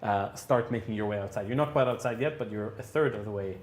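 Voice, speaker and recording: A man's voice: on the low side, fast, reverberant. A man narrating as game master in a casual, swearing, stop-and-start way.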